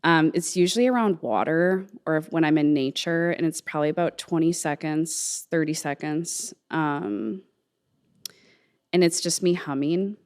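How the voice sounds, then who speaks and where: A woman with a low-pitched voice speaks as a musician guest in a casual interview. She is earnest and reflective, phrasing her thoughts informally as she works them out. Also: normal speed, a little mellow, smooth. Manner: informal, earnest, thinking aloud.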